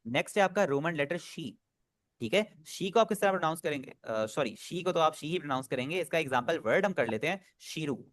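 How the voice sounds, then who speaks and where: A man's voice: on the high side, lively intonation, fairly quick, a bit bright, dry recording. Man, online language tutor, patient drilling, dry close sound. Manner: patient, drills pronunciation, repeats "ठीक है". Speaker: Japanese language teacher. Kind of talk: online class instruction. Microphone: video call.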